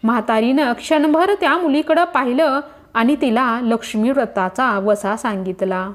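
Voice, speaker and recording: A woman reading a devotional folk tale aloud in an even, measured storytelling manner. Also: on the high side.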